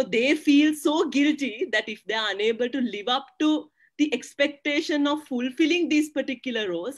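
A woman on a video call talking earnestly, with a raised pitch. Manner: earnest, lots of "you know" and "right?" tags. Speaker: panelist. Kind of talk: panel discussion on a video call. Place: indoors, small room with curtains. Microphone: laptop webcam on a video call.

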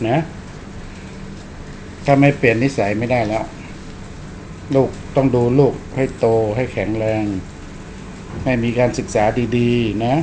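A middle-aged man speaks at an average male pitch in a casual, fatherly, admonishing way, often repeating short phrases. The amateur home video recording carries clear background noise. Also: steady tone, unhurried, long pauses. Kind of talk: casual family chat.

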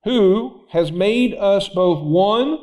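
High-voiced pastor preaching. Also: male voice, expressive, very slow, mellow, low-quality recording. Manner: storytelling, acts out voices in anecdotes. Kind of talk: sermon. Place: church.

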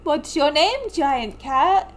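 A woman voicing an eager young farmer's daughter who exclaims excitedly. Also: high-pitched, slow, a little hiss or hum.

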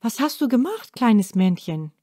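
A woman's voice: on the high side, big pitch swings, measured pace, warm tone, no room sound, clean studio sound. A woman voicing a kind polite young girl. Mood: friendly. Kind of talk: storybook reading for children.

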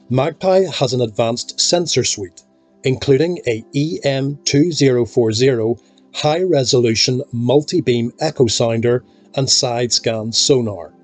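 A man narrates a technical documentary in a calm, measured delivery. His voice has a slightly husky edge at an ordinary middle pitch. Soft music runs faintly beneath the voice-over.

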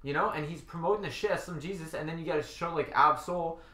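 A man speaking as a podcast guest, giving blunt, profane, animated opinions in casual chat. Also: on the high side, quick pace. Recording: roomy echo.

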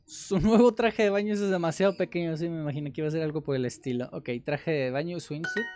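A man's voice: on the high side, fast talker, a little mellow. A young adult man translating a language-app story aloud as host, chatty, with jokey asides and frequent fillers. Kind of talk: casual commentary while translating.

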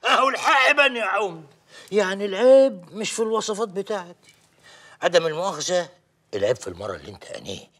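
An actor with an Egyptian accent playing a cheeky, self-assured village folk healer. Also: male voice, high-pitched, sing-song, quick pace, long pauses, pushed and bright, full character voice. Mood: sly. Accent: Egyptian Arabic.

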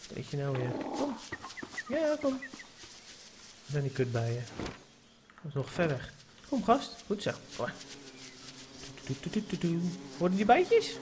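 A man's voice: on the high side, sing-song, takes it slowly, long pauses. A man casually commenting on his survival game, swearing and coaxing an in-game pig in a playful sing-song voice. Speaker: gamer streaming a survival game. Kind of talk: casual let's-play commentary. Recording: noisy home setup.

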